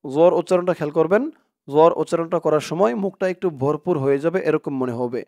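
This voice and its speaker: A man teaching Quran reading, spelling out letters and vowel marks one by one, then chanting the Arabic words in a drawn-out, louder voice. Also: fairly high pitch, dry recording. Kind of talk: slow spelling-out recitation lesson.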